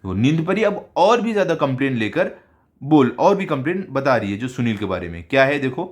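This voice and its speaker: A man teaching a school Hindi lesson, reading story lines slowly and then explaining them in simple words. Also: medium pitch, big pitch swings.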